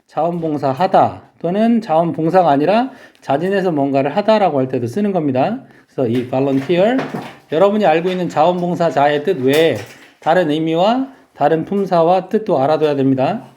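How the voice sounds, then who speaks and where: A man's voice: fairly high pitch, animated, moderate pace, warm tone. A man teaching English vocabulary in a lecture, explaining step by step and asking his students questions.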